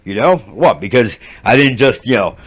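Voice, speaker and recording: A man of middle pitch rants without a script, agitated and swearing. He restarts his sentences again and again and fills the gaps with fillers. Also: big pitch swings, moderate pace. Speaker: channel host. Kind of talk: unscripted rant to camera.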